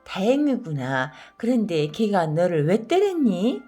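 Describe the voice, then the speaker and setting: A woman voicing a kind, patient schoolteacher in a children's storybook read-aloud, asking gentle, soothing questions. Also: medium pitch, sing-song, measured pace, soft background music.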